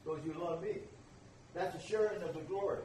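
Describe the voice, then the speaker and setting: A man's voice: sits high, fairly quick, a little mellow, slight background noise. An older man preaching a sermon, emphatic and repeating his key phrases. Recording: echoey room, voice from far off.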